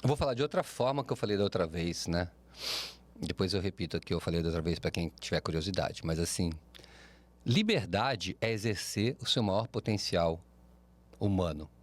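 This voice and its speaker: A Brazilian man speaking as a podcast guest, animated and expressive, often ending points with tag questions. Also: deep voice, normal speed. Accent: Brazilian Portuguese. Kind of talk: podcast interview.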